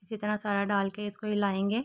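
A woman hosting a cooking channel, giving calm step-by-step recipe instructions as a voice-over. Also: medium pitch, a little fast. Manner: calm, even instructions in short steps.

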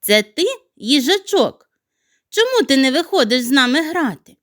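A woman's voice: big pitch swings, normal speed, fairly bright tone. A woman voicing a playful, teasing little girl snowflake in a children's audio tale. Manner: high, bubbly, teasing calls.

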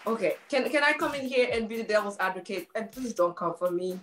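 A woman's voice: mid-range voice, expressive, fast, a bit bright, a faint crowd, slight background noise. A woman co-hosting a casual talk show, chatty and playful, laughing often and talking straight to viewers.

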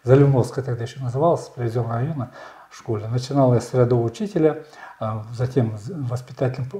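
Hesitant man in his sixties, mellow voice. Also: medium pitch, reverberant. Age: 60s. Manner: measured, storytelling, frequent hesitations. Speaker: election candidate. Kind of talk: interview answers. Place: small bright studio.

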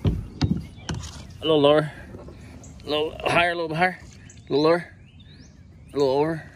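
Filming himself from a kayak on a lake during a family outing, a vlogger chats and jokes in laid-back, upbeat banter. His voice is on the high side, brisk, with little pitch movement. The camera is held at arm's length, and wind and water noise fill the outdoor recording.

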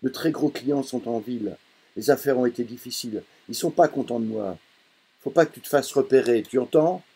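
A man's voice: medium pitch, brisk, dark tone, slightly rough, voice pushed up. A man voicing a cold domineering father. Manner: commanding and dismissive.

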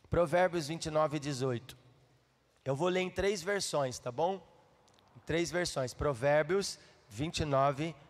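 A Brazilian man preaches to his congregation with an animated, coaxing manner, teasing them to respond. His voice sits a little high for a man. It carries a long reverb from the church hall around him. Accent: Brazilian Portuguese. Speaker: pastor. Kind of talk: sermon.

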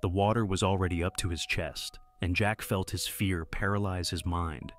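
Male horror-story narrator, deep and steady, scripted first-person telling. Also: moderate pace, slight background noise.

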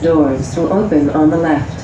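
A woman's voice: low-pitched, dull audio. Spliced-word train announcer woman, echoey. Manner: measured, even announcing. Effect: spliced together recorded words. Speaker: subway station announcer. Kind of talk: automated transit announcements. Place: inside a subway train. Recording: echoey train loudspeaker from far off, noisy. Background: train running noise.

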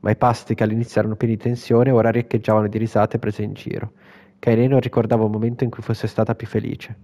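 A man with an Italian accent reading a video game's story aloud in a steady, unhurried way, with brief casual asides. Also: fairly low pitch. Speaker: gamer reading game text.

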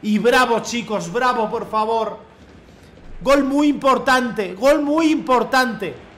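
A man from commentating his own football video game match, cheering loudly at goals and repeating his phrases. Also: extremely high pitch, slow pace. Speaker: gaming youtuber. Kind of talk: excited live gameplay commentary.

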